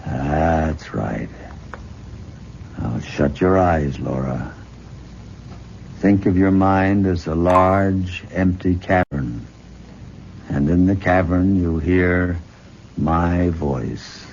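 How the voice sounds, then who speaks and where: On a noisy, muffled old radio recording, a man plays a middle-aged professor-hypnotist who is possessive and condescending, drawing the listener in with slow, hypnotic coaxing. The voice sits low and gravelly, somewhat mellow, with a heavily acted delivery.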